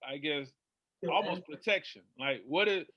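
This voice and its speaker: A man speaking as a panel guest in casual discussion, measured and opinionated. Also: a little high, bright, forceful tone, slightly rough, dry recording, dull audio.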